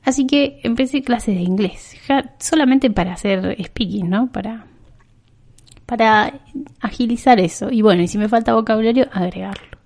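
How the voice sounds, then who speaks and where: A woman's voice: fairly high pitch, normal speed, darkish tone. Chatty Argentine woman podcaster. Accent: Argentine Spanish. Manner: chatty, rambling, self-mocking with frequent laughs. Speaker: podcast host. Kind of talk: casual chat.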